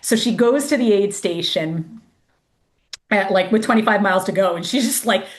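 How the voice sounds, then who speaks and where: The guest, a woman race director, has a medium-pitched voice and speaks at a normal speed. Her story is casual and chatty, sprinkled with "like," and she imitates the voices of those she quotes.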